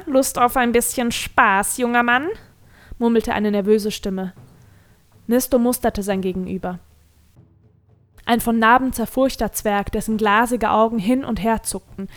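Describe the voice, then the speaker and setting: A woman narrating a fantasy novel in a calm, measured reading voice. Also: fairly high pitch. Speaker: audiobook narrator.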